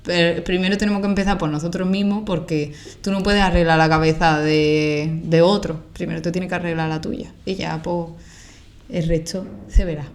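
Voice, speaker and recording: A woman's voice: fairly low pitch, fairly even intonation, normal speed. Young Andalusian woman, colloquial and emphatic. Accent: Andalusian Spanish. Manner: colloquial, emphatic, with rhetorical questions. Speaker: guest, social media creator and activist. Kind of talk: casual, opinionated interview talk.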